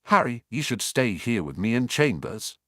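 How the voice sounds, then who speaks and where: This is a man voicing an insistent young auror, very animated, in a mid-range voice with a fairly bright tone and moderate pace. The studio recording is clean, with no room sound.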